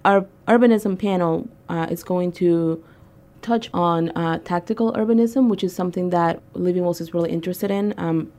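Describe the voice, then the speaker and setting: A woman's voice: on the low side, normal speed, warm tone. A young woman from Peru, a guest on a radio interview, talking conversationally with frequent ums and uhs. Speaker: guest, arts organizer.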